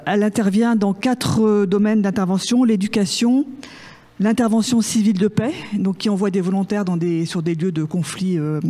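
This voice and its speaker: A woman's voice: mid-range voice, warm tone. A woman moderating a public debate in a bar, introducing the organizers and the guest in a hesitant way. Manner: hesitant, many fillers and restarts. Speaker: event moderator. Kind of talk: conference introduction.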